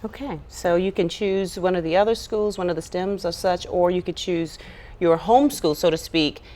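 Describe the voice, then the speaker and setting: A woman's voice: fairly low pitch, normal speed, dark tone. A woman hosting a studio interview show, conversational and affirming, often backing up her guest's points. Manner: affirming, conversational, with frequent backchannel sounds. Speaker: show host.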